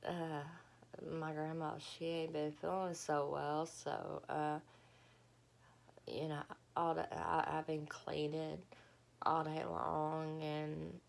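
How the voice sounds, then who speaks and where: A woman's voice: deep voice, little pitch movement, slow pace, vocal fry. A tired, unwell-sounding woman, chatting casually and hesitantly to viewers in a rambling way, recorded on a phone. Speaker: mukbang vlogger. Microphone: phone camera.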